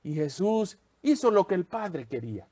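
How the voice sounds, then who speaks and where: A man preaching a sermon as pastor, expressive and acting out the voices he quotes. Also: sits high, normal speed.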